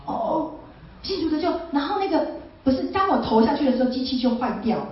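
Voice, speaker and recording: Woman, emotional testimony, repeats phrases, rhetorical questions, somewhat high voice, distant mic, heavy hall echo. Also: sing-song, a little fast. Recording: very echoey, distant, slightly dull sound.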